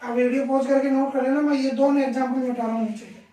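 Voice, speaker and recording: A male teacher giving a grammar lesson in a classroom, asking rhetorical questions and repeating examples slowly. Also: very high-pitched, level tone, dark tone. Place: classroom with a board. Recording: echoey room, voice from far off.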